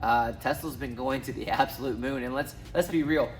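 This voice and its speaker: At normal speed and medium pitch, a thirties-aged man from Southwest Missouri talks to camera as a finance YouTuber, faint music behind him. His casual vlog delivery rambles, full of ums and restarts.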